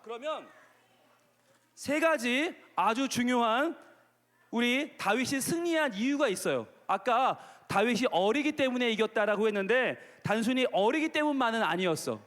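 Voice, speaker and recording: A man's voice: extremely high pitch, expressive, normal speed, a bit bright. A man preaching a playful children's sermon who keeps asking the kids questions. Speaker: pastor. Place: large gymnasium. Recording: long reverb of a gymnasium hall.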